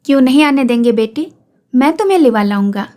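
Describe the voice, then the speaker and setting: Woman doing a humble old dad, apologetic, storybook reading, highish voice. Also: lively intonation, a little fast, mellow. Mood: reassuring. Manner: apologetic, deferential. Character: elderly indebted father, humble and anxious.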